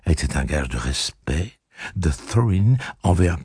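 A man reading aloud voices a spiteful older aunt who scolds and sneers in a raised, shrill voice. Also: very animated, a little slow, darkish tone, slightly rough, dry recording, clean studio sound, heavily acted. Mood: venomous.

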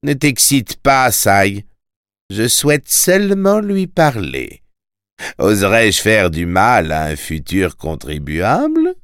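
A man voicing a sinister, mocking male tax collector in a storybook, sly and taunting with sudden loud commands. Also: lowish voice, wildly swooping pitch, takes it slowly, clean tone, no echo, studio quality, exaggerated voice.

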